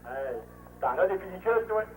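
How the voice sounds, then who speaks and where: A man's voice: sits high, animated, fairly quick. A man with a Québécois French accent announcing a ballgame live with teasing, wisecracking banter. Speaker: game announcer. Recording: noisy live outdoor recording.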